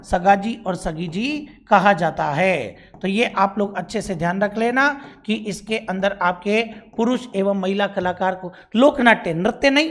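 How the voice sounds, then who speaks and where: A man's voice: sits high, a bit bright. A Rajasthani-accented man teaches an exam-prep lesson in a friendly, informal way. He keeps asking the listener a question and then answering it himself. He repeats each key point and calls his viewers brother. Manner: addresses viewers as bhaiya and bhai sahab.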